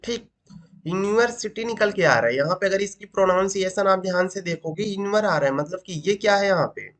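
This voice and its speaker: A man explains grammar in a high, bright voice. He teaches at a steady, patient classroom pace, keeps asking his listeners questions and repeats key points. He checks understanding with short confirmations. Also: fairly quick. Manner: asks rhetorical questions, repeats points, says "ठीक" often. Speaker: English teacher.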